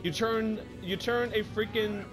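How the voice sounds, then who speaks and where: A man's voice: high-pitched, steady tone, measured pace, over music. A man giving rambling, casual gameplay commentary, apologetic and swearing a lot, with a cough. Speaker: gaming YouTuber.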